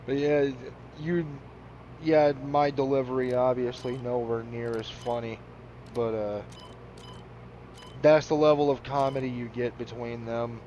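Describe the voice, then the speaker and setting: A man's voice: mid-range voice, flat delivery, a little slow, mellow, dull audio, a little hiss or hum. A man chatting casually while playing a game, rambling, laughing often and swearing freely. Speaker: gaming channel host. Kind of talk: casual commentary over gameplay.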